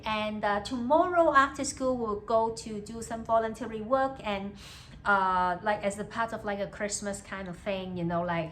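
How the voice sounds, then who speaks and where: A young Hong Kong student and native Cantonese speaker records a casual video diary in a slightly high voice, with a little hiss or hum behind her. She has a Hong Kong accent, hesitates and fills pauses often, and says each thought in English before repeating it in Cantonese.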